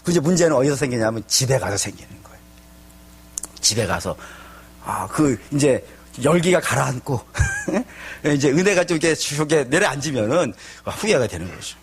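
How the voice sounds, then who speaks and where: A male pastor preaching a sermon, telling stories in an animated way and asking rhetorical questions. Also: medium pitch, a little fast, breathy edge.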